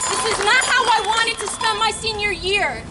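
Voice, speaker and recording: A teenage girl from New York with a very high voice gives an impassioned protest speech in the open air. She sounds distant from the mic, with a crowd and traffic clearly audible behind her. She is earnest and emphatic. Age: late teens. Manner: earnest, emphatic, with pauses and restarts. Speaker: student rally speaker. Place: outdoor plaza at a street rally. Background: crowd cheering, traffic.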